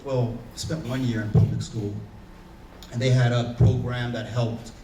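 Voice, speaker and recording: A Haitian man on a panel in a conference room gives a reflective personal talk, earnest and searching, full of fillers and restarts. His mid-range voice is flat and warm at a moderate pace, heard from afar in an echoey room with slight background noise.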